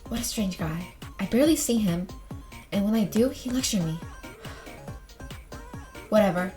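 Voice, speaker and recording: A woman's voice: mid-range voice, expressive, moderate pace, dark tone, soft background music, lightly acted. A woman reading a weary, self-doubting young woman. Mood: annoyed. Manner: subdued, muttered inner thoughts.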